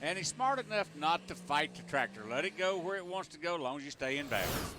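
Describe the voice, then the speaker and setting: High-pitched folksy male tractor pull announcer. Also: lively intonation, fast talker. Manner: folksy, colloquial turns of phrase. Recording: noisy outdoor track with engine noise. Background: outdoor ambience and vehicle engines.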